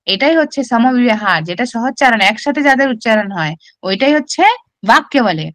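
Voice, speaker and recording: A woman's voice: a little high, fairly bright tone, no room sound. A woman teacher with a Bengali accent explains a classical text step by step in an online exam-prep class, often asking rhetorical questions.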